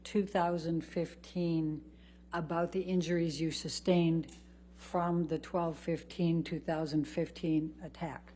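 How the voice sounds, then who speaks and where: A woman lawyer putting formal, deliberate questions to a witness in a courtroom recording. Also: low-pitched, flat delivery, dark tone. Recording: courtroom recording with faint hum and noise.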